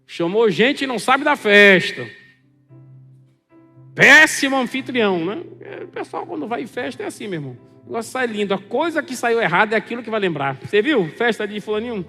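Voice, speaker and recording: A man with a Brazilian Portuguese accent preaching a sermon, animated, acting out the voices of the people in the story. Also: sits high, brisk, gravelly. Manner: animated, acts out quoted voices. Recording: long hall reverb with faint music.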